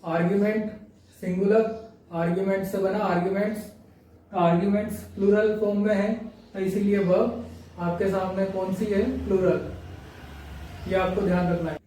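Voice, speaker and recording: Male grammar teacher, high monotone voice, mellow tone, recorded far off in a very echoey room. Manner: reads English rules slowly, then explains them in Hindi with question-and-answer prompts. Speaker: English teacher. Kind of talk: grammar lesson explaining examples on screen.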